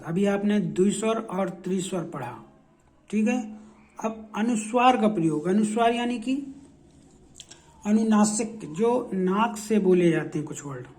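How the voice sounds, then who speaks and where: A male shorthand teacher with a mellow, dark voice talks at an unhurried, deliberate pace. He explains each point in classroom fashion. He poses questions and answers them himself, drawing out the sounds he demonstrates. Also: high voice. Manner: repeats sounds slowly for emphasis.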